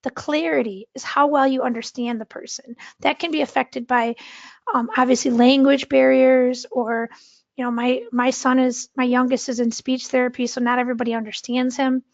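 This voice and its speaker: A woman's voice: high-pitched, flat delivery, normal speed, no echo, lo-fi sound. A middle-aged woman giving an online workshop lecture in a conversational way, checking in with "okay?" and demonstrating tones of voice. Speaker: workshop instructor.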